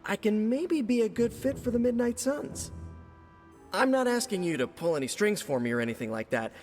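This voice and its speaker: A man's voice: high-pitched, lively intonation, moderate pace, in a large hall, faint music behind. An actor playing an eager, joking young male spider hero in a video game. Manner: playful, eager to please.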